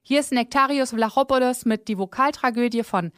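A woman host introducing the next performer, explaining the piece in a lively, clear way. Her voice sits a little high and sounds close and dry, with no room around it. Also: a little fast, dry recording. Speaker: event host. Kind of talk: stage introduction.

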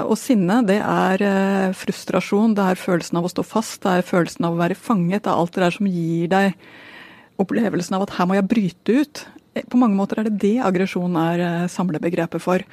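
Female expert guest, calm thoughtful explaining, dry close sound. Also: on the low side, no echo. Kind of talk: explanatory interview answers.

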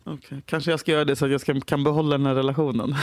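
A young adult woman co-hosting a podcast in casual chat, animated and swearing freely, laughing often. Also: a bass voice, slight background noise. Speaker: podcast co-host.

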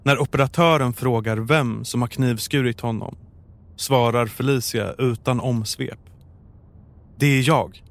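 Calm man narrating true crime. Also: medium pitch. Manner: calm, measured storytelling. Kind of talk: scripted narration.

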